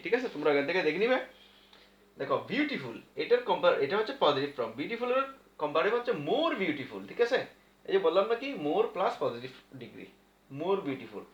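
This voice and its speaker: A man's voice: fairly high pitch, a bit bright. A male English teacher with a Bangladeshi Bengali accent, giving a classroom grammar lesson at a board and patiently repeating the rules. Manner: repeats rules patiently, asks and answers his own questions. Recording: echoey room, dull lo-fi sound.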